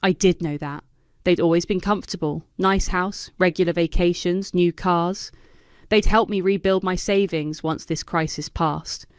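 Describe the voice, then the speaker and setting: Female narrator for a scripted story read, smooth voice, dry close sound. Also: fairly low pitch, fairly even intonation, normal speed, no echo. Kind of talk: scripted first-person narration.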